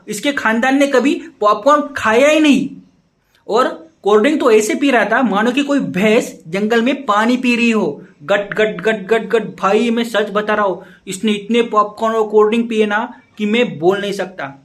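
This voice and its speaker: A man's voice: extremely high pitch, a bit bright. A man playing a frustrated young boyfriend who rants and badgers his friend with repeated questions in a comedy sketch. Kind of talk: Hindi comedy sketch dialogue.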